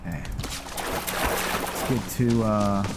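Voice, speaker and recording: A gaming video host with a lowish, slow voice roleplays through a video game, musing aloud and chatting casually with viewers in a laid-back way. The recording is very noisy, with game music in the background.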